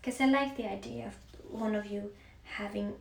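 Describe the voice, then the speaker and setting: A young Norwegian woman with a Norwegian accent, chatting softly on a livestream while she paints, often slipping into near-whispers. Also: mid-range voice, steady tone, moderate pace, vocal fry. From Norway. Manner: soft-spoken, often drifting into near-whispers. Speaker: musician live-streaming to fans. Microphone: phone. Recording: echoey room with faint background hiss.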